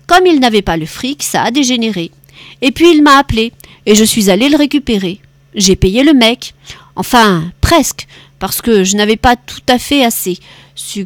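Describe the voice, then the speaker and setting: A withdrawn, unruffled man, read by a woman narrating a novel, lays out what happened in short, flat, matter-of-fact phrases. The sound is dry and close, without any room echo. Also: on the high side, lightly acted.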